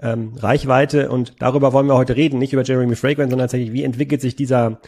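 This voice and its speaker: A male podcast host with a gravelly, creaky edge to his mid-pitched voice. He talks in a loose, conversational way and asks long, rambling questions that speed up as they go. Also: steady tone, fast, a little mellow. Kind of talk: conversational interview.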